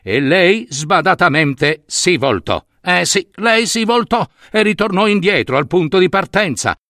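A man telling a fairy tale, animated and talking to his listeners with little asides. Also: high-pitched, unhurried, dry recording, clean studio sound. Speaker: storyteller.

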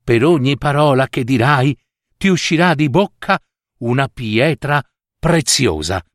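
A man as a gentle, calm fairy. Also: medium pitch, unhurried, no room sound, clean studio sound, close to an everyday voice. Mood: kind. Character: gentle, calm fairy disguised as an old woman.

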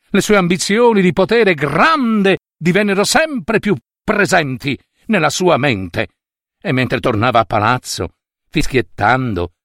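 Expressive male storyteller, slow and lively. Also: a little high, no echo, clean studio sound. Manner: expressive, addresses listeners directly. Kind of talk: storytelling narration for children.

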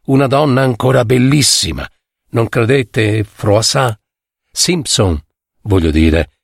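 A man voicing a gossiping gentleman friend in a story reading, arch and teasing, with a slow drawl. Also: mid-range voice, lively intonation, gravelly, no echo, studio quality, exaggerated voice. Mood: sly. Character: gossiping male society friend, sly and mocking.

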